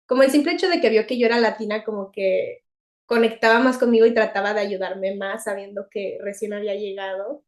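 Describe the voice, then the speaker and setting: A young woman with a Mexican accent, co-hosting a podcast in a chatty, animated way and laughing often. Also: mid-range voice. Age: young adult. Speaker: podcast co-host. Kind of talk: casual chat.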